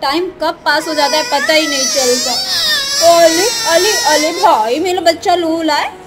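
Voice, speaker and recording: A woman's voice: extremely high pitch, measured pace, heavy background noise. A woman vlogging at home in a cooing, sing-song baby-talk manner, chatting to a little girl and narrating her day. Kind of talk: casual home vlog, baby talk to a niece. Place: family home indoors.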